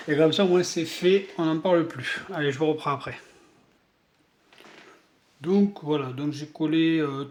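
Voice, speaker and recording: A man's voice: a little high, a little hiss or hum. Rambling man with a southern French accent. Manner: rambling, many fillers and restarts. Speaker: scale-model hobby vlogger. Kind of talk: casual chat while building a model.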